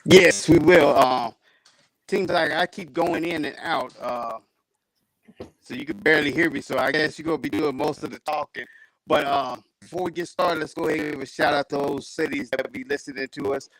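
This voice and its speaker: A man's voice: fairly high pitch, normal speed, fairly bright tone, no echo, low-quality recording. Man on a glitchy breaking-up video call. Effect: glitchy, breaking-up video call audio. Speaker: sports talk show host. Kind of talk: casual online sports show chat.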